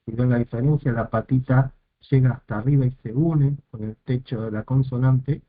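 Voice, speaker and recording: A man teaching a lesson step by step, slow and methodical, repeating each term as he goes. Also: mid-range voice, steady tone. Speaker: Hebrew teacher. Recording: tinny phone-like sound.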